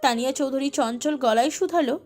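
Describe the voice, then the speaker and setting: Woman storyteller, high voice, emotive scripted narration over soft music. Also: fairly quick. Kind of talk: dramatic scripted narration of a romantic audio story.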